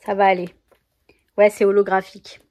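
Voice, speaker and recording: A woman's voice: mid-range voice, little pitch movement, normal speed, a little mellow. A woman chatting casually to her viewers as a scrapbooking vlogger, showing new stickers and often correcting herself mid-sentence. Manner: chatty, self-correcting, talks to viewers while handling stickers. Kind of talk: casual haul video chat.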